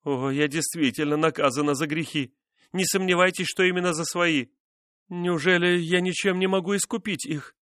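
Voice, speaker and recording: Man playing a frightened wife, high pleading voice, audiobook, dry close sound. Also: moderate pace, hardly any pauses, no echo, close to an everyday voice. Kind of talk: audiobook character reading.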